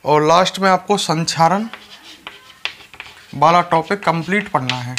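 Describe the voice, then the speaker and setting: A man's voice: fairly high pitch, a little slow, fairly bright tone, soft background music. A male chemistry teacher lecturing students, repeating each point and speaking to them directly. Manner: repetitive, instructive, addresses students directly. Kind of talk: classroom lecture.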